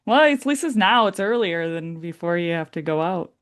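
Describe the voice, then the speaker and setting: A woman's voice: lowish voice, lively intonation, moderate pace, clear, resonant tone. A woman hosting a podcast, reassuring and playful in casual chat. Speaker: podcast host.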